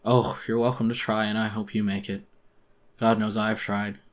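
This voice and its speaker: A man's voice: lowish voice, little pitch movement, moderate pace, natural voice. A man voicing a weary, wounded raccoon jailer who speaks in a tired, resigned way, muffled and in pain. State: in pain, breathing heavily.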